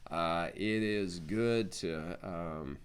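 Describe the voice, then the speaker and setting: Middle-aged pastor, low smooth voice, halting and casual with lots of fillers. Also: male voice. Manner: rambling, halting with many fillers. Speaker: pastor, conference leader. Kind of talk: casual video update.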